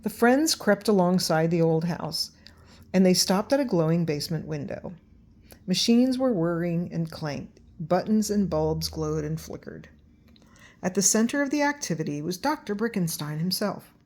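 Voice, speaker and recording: Older woman reading a storybook, lowish voice. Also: lively intonation, moderate pace, darkish tone. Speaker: grandmother reading a children's story. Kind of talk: storybook read-aloud narration.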